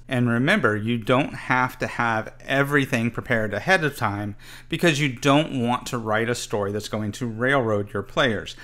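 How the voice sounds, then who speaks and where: A middle-aged man hosting his own channel, giving an earnest, scripted explanation of how to prepare a tabletop game campaign. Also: medium pitch. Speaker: channel host. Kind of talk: scripted tutorial narration.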